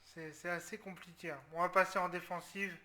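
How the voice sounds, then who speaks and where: A man's voice: high voice, fairly even intonation, fairly quick. A man from France commenting live on his football game, tense and talking through his tactics, with outbursts when things go wrong. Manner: tense, talks through his tactics, bursts into loud outcries. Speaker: gaming video creator.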